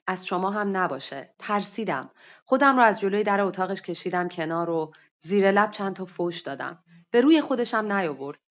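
A woman's voice: mid-range voice, a bit bright, lightly acted. A woman voicing a weary, anxious widowed mother in her thirties, talking in a confiding, hesitant way, in dull lo-fi online audio. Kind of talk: story reading.

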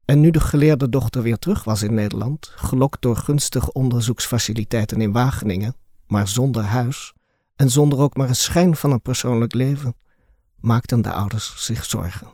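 A man reading his own short story aloud, measured and expressive, lifting his voice for the characters' lines. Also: mid-range voice, no echo, studio quality.

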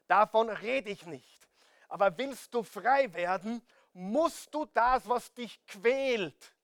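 A man with a high voice and an Austrian accent delivers a sermon, urging his listeners to listen again and again. He asks rhetorical questions and swings from loud to nearly hushed, on a dry, close sound. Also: expressive, slow pace, no room sound. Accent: Austrian German. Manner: direct, pleading, repeats appeals to listen. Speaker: preacher.

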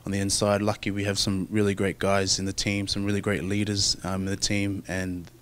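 A young man with an Australian accent, a rugby player answering interview questions in a soft, hesitant, thoughtful way with many fillers. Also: low voice, monotone, fairly quick, a little hiss or hum.

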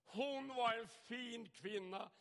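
A man's voice: very high-pitched, gravelly, fairly bright tone, pitched above the performer's own voice, full character voice. A man voicing a burly, boisterous stranger on a tram who bellows bluntly, heard in an echoey church hall. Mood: moved.

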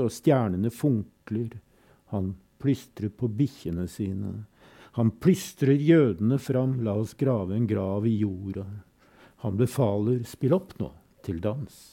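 A man recites poems in a slow, solemn way, leaving long pauses between lines. His voice is gravelly and very dark, with a mellow, low warmth. Between poems he adds short spoken comments. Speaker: poetry reader and commentator. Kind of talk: reading poems aloud with brief commentary.

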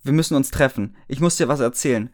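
A man's voice: mid-range voice, quick pace, voice pushed up, lightly acted. A man doing a flustered young woman student. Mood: urgent.

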